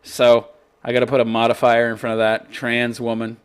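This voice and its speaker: A man's voice: medium pitch, monotone, moderate pace, smooth. A man hosting an opinion commentary show, reading out news and mocking it in a brash, coarse-mouthed, exaggerated way. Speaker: host of a commentary channel.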